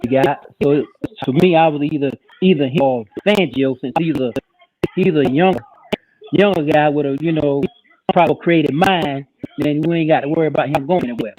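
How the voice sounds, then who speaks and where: Male panelist dialing in on a video call with a shaky line; slightly high pitch, light background hiss, stammers and repeats. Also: moderate pace. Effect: joining remotely on a video call with a shaky connection. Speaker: football podcast panelist. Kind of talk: casual sports chat.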